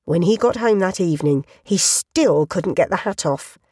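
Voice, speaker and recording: A woman narrating a children's storybook aloud, expressive, slowing down for emphasis. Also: breathy edge, no echo, studio quality. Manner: expressive, sweeping pitch with slowed emphasis.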